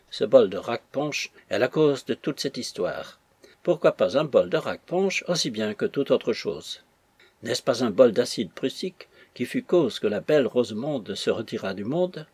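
A man narrating a classic novel as an audiobook, measured and lightly ironic in his storytelling. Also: medium pitch, a little mellow, husky, no room sound.

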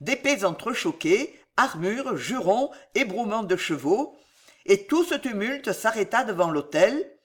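Audiobook narrator: slow, dramatic, very expressive delivery. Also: mid-range voice. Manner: slow, lively dramatic reading. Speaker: audiobook reader.

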